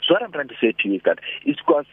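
Phoning in as a radio guest for a motivational talk, a man speaks in a husky, gravelly voice at a racing pace, persuading with animation and rhetorical questions while his pitch leaps up and down. The telephone audio sounds thin, tinny and dry, with no echo.

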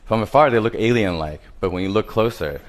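A man's voice: on the low side, lively intonation, fairly quick. A man from Taiwan, giving a prepared stage talk about his art in simple, listing phrases with grammar.

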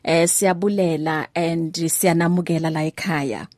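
Brief: woman as a radio host, lower voice, dry studio sound, laughs easily. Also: steady tone, normal speed, no room sound. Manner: warm, laughing and chatty with guests. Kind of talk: faith-based radio talk, mixing Zulu and English.

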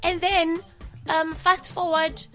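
An actress chatting playfully on a radio interview, laughing often and telling stories. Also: female voice, very high-pitched, flat delivery, slow pace, pushed and bright, soft background music. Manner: bubbly, laughing, playful storyteller. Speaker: actress and businesswoman guest. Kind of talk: casual radio interview chat. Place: radio studio.

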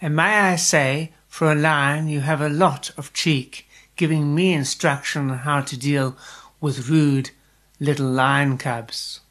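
A prim old hippo matron scolds in slow, formal phrases, as a male storyteller puts her on. She sounds firm and proper, and her voice sits a little high. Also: steady tone, a bit bright. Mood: stern.

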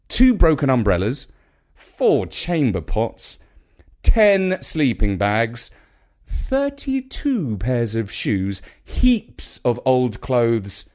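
Here a man speaking with a British accent tells a scripted children's story, keeping it measured and expressive. He has a mid-range voice.

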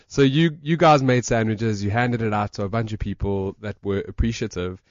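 A man's voice: fairly low pitch, moderate pace, no room sound, lo-fi sound. A man co-hosting a radio show, chatting in an upbeat way and reading the show ident. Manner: upbeat, wraps up with a moral and reads the show ident. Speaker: radio co-host. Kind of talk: casual radio chat.

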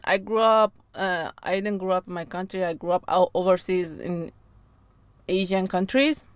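A woman from Iran whose first language is Persian, a guest in casual chat, speaking halting second-language English and laughing often. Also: on the low side, smooth, dry recording.

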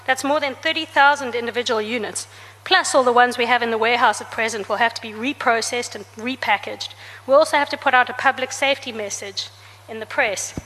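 A woman author reading from her comic novel to an audience, changing her voice for each character's lines. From South Africa. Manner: reads dialogue with shifts in pitch and loudness for each character. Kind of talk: book talk with a reading. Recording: reverberant hall.

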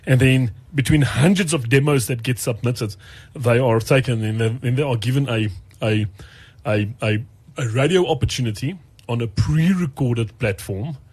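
A man's voice: mid-range voice, normal speed, breathy edge. A man who works as a radio presenter, telling a personal story in casual talk, acting out the lines of other people with many restarts. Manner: animated storyteller, acts out quotes, many restarts. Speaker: radio presenter and podcast host.

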